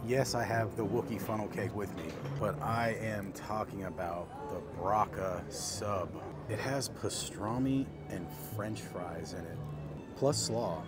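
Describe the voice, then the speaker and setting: Enthusiastic man savoring food, loud music behind. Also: on the low side, unhurried. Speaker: food reviewer vlogger. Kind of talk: casual vlog food review. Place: outdoors at a busy theme park. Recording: music and park noise behind. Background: music, outdoor park and vehicle sounds.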